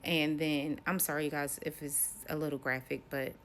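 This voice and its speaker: A woman's voice: low voice, little pitch movement, moderate pace, fairly bright tone, slight background noise. An American woman, around her thirties, talking casually and ramblingly to her viewers in a personal vlog. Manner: conversational, rambling, addressing viewers directly. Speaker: vlogger.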